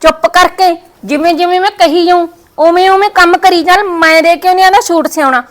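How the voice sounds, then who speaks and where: In a scripted family skit, a woman with a Punjabi accent plays a bossy, scheming young daughter-in-law who orders her mother-in-law around. Her voice is very high-pitched and fairly even in intonation, her delivery brisk, commanding, and scolding.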